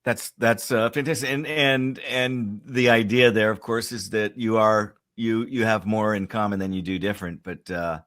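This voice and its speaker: A man hosting an interview, asking questions in a halting way with many pauses. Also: lowish voice, fairly even intonation, fairly bright tone. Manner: halting, many fillers and restarts. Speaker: host. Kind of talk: conversational interview.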